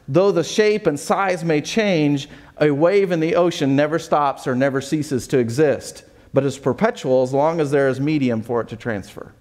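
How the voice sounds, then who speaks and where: A man's voice: on the high side, a little mellow. A man preaching a sermon as pastor, reading scripture aloud with earnest, self-correcting asides.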